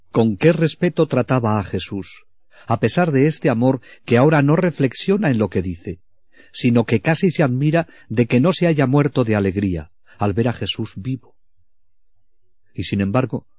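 A man preaching at a spiritual retreat in a slow, reflective way, often sinking into a hushed voice. His voice sits at an ordinary pitch. The recording is dull and lo-fi, with a dry, close sound. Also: dry recording.

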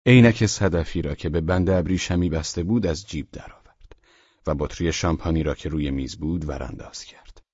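A man narrating an audiobook in a calm, even storytelling manner. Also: a bass voice, slightly rough, dry recording, dull audio.

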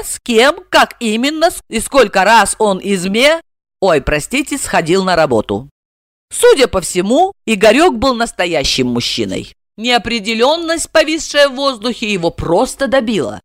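Выразительная рассказчица с насмешливыми ремарками, голос чуть выше среднего, сухая близкая запись. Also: female voice, fairly high pitch, no room sound, studio quality. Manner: ironic, lively asides. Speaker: narrator. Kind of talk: expressive ironic storytelling.

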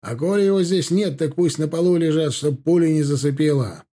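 A man voicing a blunt, folksy sergeant in an audiobook, shouting and swearing. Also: fairly high pitch, fairly quick, close to an everyday voice. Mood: urgent.

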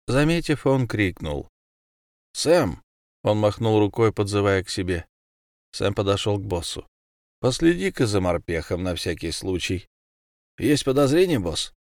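A man narrating an audiobook in a steady, measured way. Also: fairly low pitch, smooth, no room sound, studio quality. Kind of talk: scripted narration.

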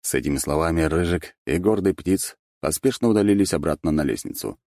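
A man reading an audiobook aloud with wry, expressive narration. His delivery moves up and down a lot, and the sound is dry and close. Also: rumbling low, fairly quick, dry recording.

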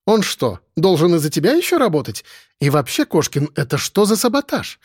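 A loud, domineering middle-aged woman who runs the office and scolds everyone in it, as a male audiobook narrator puts her on. Her voice sits high and swings widely as she lays down the law. The recording is dry and close. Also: big pitch swings, a little fast, slightly rough, dry recording. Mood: scolding. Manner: bellowing, scolding.

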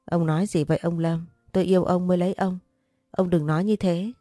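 A woman voicing an older widowed mother speaking gently through tears to her late husband in an audio story. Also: fairly low pitch, fairly even intonation, a little fast, no echo, clean studio sound, soft background music, natural voice. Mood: tearful. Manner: gentle, sobbing.

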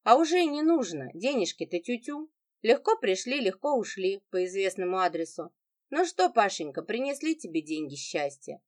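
A woman's voice: mid-range voice, sing-song, normal speed, a little mellow, lightly acted. A woman reading an audiobook, voicing a venomous, mocking wife who speaks with biting sarcasm.

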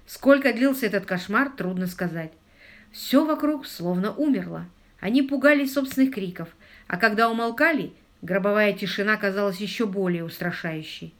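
A woman narrating a novel in a dramatic, expressive reading voice. Her pitch sits in the middle and rises with tension at the suspenseful moments. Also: normal speed. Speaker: audiobook narrator. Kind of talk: audiobook reading.

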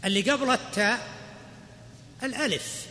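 A man's voice: very high voice, moderate pace, bright, forceful tone. A man teaching Arabic grammar to a class, explaining patiently and quizzing his students. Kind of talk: classroom lecture. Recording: hall reverb, faint noise.

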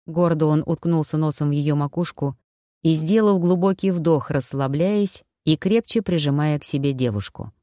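Audiobook narrator, even steady delivery, mid pitch, dry close studio sound. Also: moderate pace, dry recording. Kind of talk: scripted narration.

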